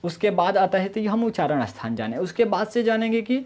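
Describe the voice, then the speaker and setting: A man giving a grammar lesson, often asking rhetorical questions and answering them himself, and sounding out letters slowly to demonstrate. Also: sits high, very animated, a little mellow. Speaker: Hindi grammar teacher. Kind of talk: explanatory online lesson.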